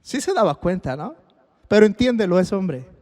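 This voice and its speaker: A man's voice: high voice, sing-song, normal speed, darkish tone, in a large hall. A male pastor with a Mexican accent preaching on marriage in a conversational way, often asking the congregation questions. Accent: Mexican Spanish. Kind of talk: sermon on marriage. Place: church hall.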